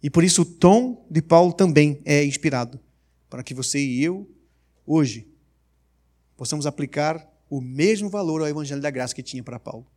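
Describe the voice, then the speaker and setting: Preacher: man, high voice, energetic sermon, emphatic. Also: moderate pace. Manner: energetic, emphatic, rhetorical questions.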